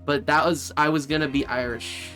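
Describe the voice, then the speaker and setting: A man's voice: a little high, fairly even intonation, moderate pace, over loud music. A young man streaming a game with a friend, casual and sweary, now and then reading lines in put-on voices.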